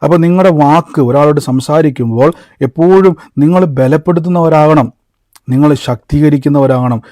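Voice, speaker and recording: This man's voice sits fairly high and sounds mellow as he preaches at a moderate pace, telling a personal testimony in a conversational sermon. He mixes in English words and addresses his listeners as "brother" and "beloved." It's studio quality, with no room sound.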